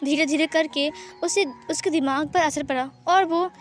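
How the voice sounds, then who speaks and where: A woman narrating a fan fiction story, lively and acting out each character. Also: high-pitched, moderate pace, soft background music.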